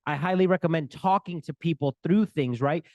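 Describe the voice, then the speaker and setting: A man's voice: a little high, fairly quick, darkish tone, no room sound, highs cut off. Earnest male divorce coach, dry sound. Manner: earnest, preachy, faith-filled encouragement. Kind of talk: energetic talk to camera.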